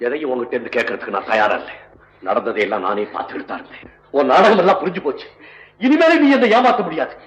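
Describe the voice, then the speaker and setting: An actor playing a proud, jealous young musician in a 1960s film, angry and proud. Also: male voice, medium pitch, very animated, fast, roomy sound, natural voice, rough recording. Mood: accusing. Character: proud young male nadaswaram player, jealous.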